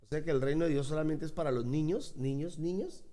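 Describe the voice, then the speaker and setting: A man's voice: fairly high pitch, fairly quick, warm tone. A man preaching a sermon as pastor, emphatic and repeating key phrases.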